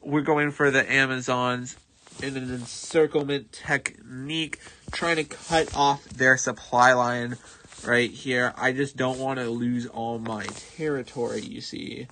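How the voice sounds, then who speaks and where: A man narrating his strategy game with slow, deliberate pacing and a playful, mock-dramatic flair. His voice sits at an ordinary middle pitch, with a faint hiss underneath. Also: fairly even intonation, pushed and bright, poor audio. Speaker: gaming streamer. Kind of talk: gameplay commentary.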